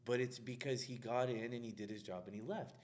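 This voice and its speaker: A man's voice: medium pitch, steady tone, brisk, a little mellow. A man who is a contractor, co-hosting a podcast in casual chat, talking in a loose, rambling way. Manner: loose, rambling, full of "like" fillers.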